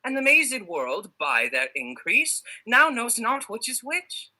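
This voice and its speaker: A woman's voice: on the high side, very animated, slow, bright, forceful tone, full character voice, rough recording. A woman playing a proud, wrathful fairy queen in hammy, theatrical Shakespearean verse on stage. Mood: indignant, grand.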